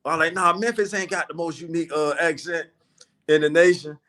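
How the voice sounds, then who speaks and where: A man's voice: on the high side, a little fast, bright, forceful tone. A man, hosting a casual livestream chat and reading viewer comments aloud. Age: 40s. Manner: laid-back, reads viewer comments aloud. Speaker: show host.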